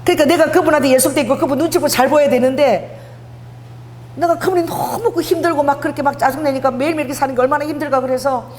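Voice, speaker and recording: A middle-aged woman pastor with a high, fast, slightly mellow voice preaches conversationally in a church prayer hall, acting out dialogue within personal stories and switching between casual and polite speech. The recording carries long hall reverb and a faint hum.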